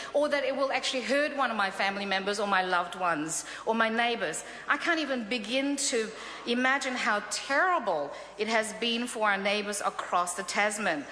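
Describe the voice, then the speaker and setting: Speaking a little high with a sharp tone, a middle-aged native Korean speaker from South Korea addresses parliament as a member in an upbeat speech with plenty of filler sounds. There's slight background noise, and the large chamber gives the recording an echoey, long reverb.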